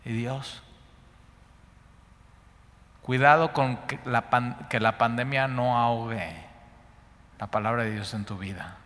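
Man, Mexican accent, sermon, emphatic repetition, loud-to-hushed swings, mid pitch, long hall reverb. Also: steady tone, slow pace, pauses often. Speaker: Bible teacher. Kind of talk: sermon on a Bible passage.

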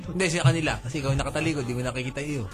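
A man's voice: mid-range voice, fairly even intonation, rapid-fire. A man hosting a radio talk show, chatting with and teasing a band he is interviewing. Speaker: radio host. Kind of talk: casual chat interviewing a band. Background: background music.

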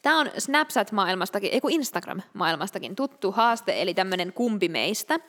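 A woman's voice: medium pitch, fairly bright tone, long reverb tail. A young woman from Finland co-hosting a podcast with her sister, chatting casually and laughing often. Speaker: podcast co-host. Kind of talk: casual chat.

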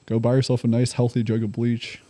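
Very dark, mellow man in his twenties. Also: mid-range voice, monotone, brisk. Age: 20s. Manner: slangy, swearing, joking. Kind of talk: casual chat with a friend. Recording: faint heater hiss in background.

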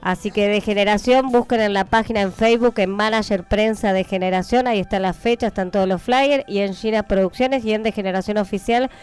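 A woman's voice: medium pitch, fairly even intonation, brisk, few pauses, a little mellow, clear, resonant tone. Chatty Argentine woman promoting shows. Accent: Argentine Spanish. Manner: rambling, hesitant, many fillers. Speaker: event producer and press agent. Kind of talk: radio interview, promoting shows.

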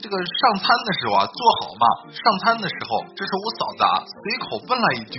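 A man telling funny stories in a casual, rambling monologue, keeps checking in with the listener and often bursts into loud laughter at his own jokes. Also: sits high, wildly swooping pitch, quick pace. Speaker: joke-telling host. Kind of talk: casual comedic storytelling monologue. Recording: dull lo-fi audio with loud background music.

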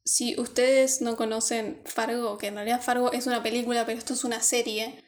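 Woman, Rioplatense accent, podcast co-host, loose chatty delivery, a bit high-pitched. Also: little pitch movement, brisk. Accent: Rioplatense Spanish. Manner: chatty, laughs often, trails off mid-sentence. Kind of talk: casual chat.

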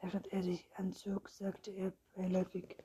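A woman narrating a children's storybook in a hushed, even whispered reading. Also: medium pitch, moderate pace, a little hiss or hum.

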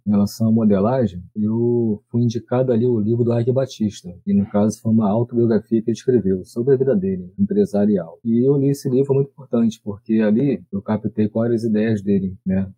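A man's voice: on the low side, fairly even intonation, brisk, few pauses, dark tone, husky, dry recording, muffled recording. A man co-hosting a podcast who tells stories conversationally, checking in with "entendeu?" as he goes. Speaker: podcast co-host. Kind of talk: casual storytelling.

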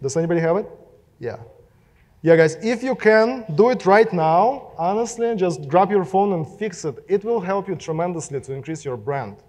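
A man's voice: sits high, expressive, normal speed, darkish tone. A young man with a Russian accent gives a casual talk to a live audience, speaking directly and asking the room questions. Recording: long reverb of a hall.

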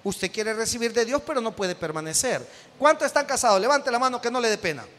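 Salvadoran pastor guy, high voice, jokey sermon, calls out to the crowd, lots of hall echo. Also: expressive, fast talker, fairly bright tone, a little hiss or hum. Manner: joking, acts out everyday scenes; calls out to the congregation. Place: church hall. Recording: echoey hall with long reverb.

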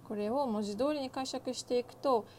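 A woman interpreting a Bible lesson phrase by phrase, with fillers and quick self-corrections. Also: fairly high pitch, a little mellow, a little hiss or hum.

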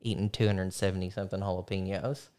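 A man's voice: low-pitched, flat delivery, quick pace, darkish tone, clean tone. A man co-hosting a podcast in casual chat, joking and playful. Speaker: podcast co-host.

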